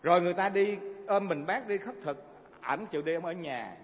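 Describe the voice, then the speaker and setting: A man giving an animated sermon with stories to a live audience, often asking rhetorical questions. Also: high-pitched, a little fast. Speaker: Buddhist preacher. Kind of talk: sermon with storytelling. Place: hall before a live audience. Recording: reverberant hall, dull lo-fi sound.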